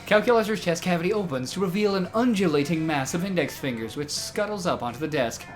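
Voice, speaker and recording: A man's voice: high-pitched, expressive, quick pace, soft background music. A man hosting and narrating a comedic game, moving between scripted narration and casual asides.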